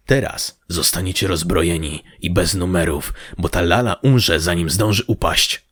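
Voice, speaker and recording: Man voicing a cold, domineering gang boss in an audiobook, dark and low, slow threats, dry close sound. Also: breathy edge, no room sound. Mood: menacing. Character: menacing commanding male gang leader.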